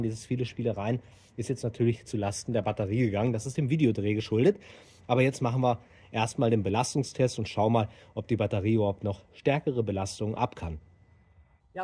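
A man in his thirties hosting a how-to video, explaining to viewers in a steady, direct way while standing outdoors in a driveway by a car. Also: medium pitch, breathy edge. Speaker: DIY car channel host.

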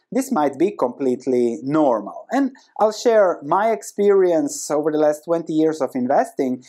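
A native Croatian speaker in his thirties, host of an investing video channel, summarizes a book to camera in a Croatian accent. His slightly high voice carries an animated, conversational explanation full of emphatic repetition. He's in a small room with bookshelves, wearing a lapel mic.

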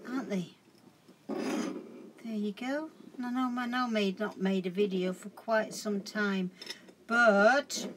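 A woman's voice: mid-range voice, slight background noise. A woman casually showing her crafts at home, rambling and correcting herself as she goes. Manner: rambling, chatty, self-correcting. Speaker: craft vlogger. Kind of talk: casual show-and-tell chat.

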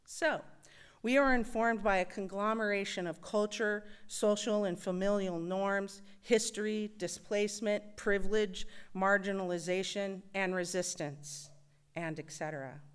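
A woman serving as worship associate, giving a thoughtful, measured personal reflection with touches of wry humor in a church service. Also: medium pitch, steady tone, smooth. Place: church sanctuary.

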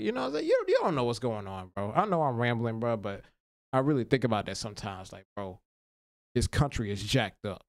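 A man's voice: on the low side, no echo, studio quality. A man hosting a reaction video, talking in a laid-back, rambling way and tossing in "bro" and "man" constantly, a little tired after work. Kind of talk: casual reaction commentary.

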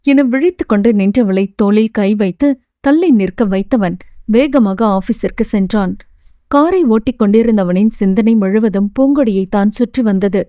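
A woman narrating a romance audio novel in a steady, expressive storytelling manner. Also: mid-range voice, moderate pace, no room sound, clean studio sound.

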